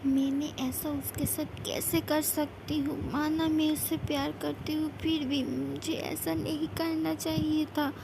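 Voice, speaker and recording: A woman's voice: sits high, level tone, a little slow, gravelly, few pauses, background noise. A woman voicing a remorseful young wife in an amateur fan story, pleading and blaming herself. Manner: pleading, self-reproaching. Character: remorseful young wife, anxious and guilt-ridden.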